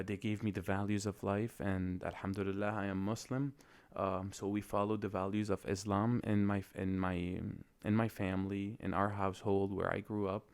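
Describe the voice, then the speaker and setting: A man's voice: on the low side, vocal fry, darkish tone, smooth. A young man from Lebanon hosting a solo podcast, talking in a reflective, hesitant way with many fillers. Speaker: podcast host.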